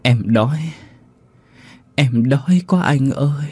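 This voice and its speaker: A man voicing the ghost of a starving little child who pleads slowly and faintly. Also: mid-range voice, animated, darkish tone, breathy edge, no echo. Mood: pleading.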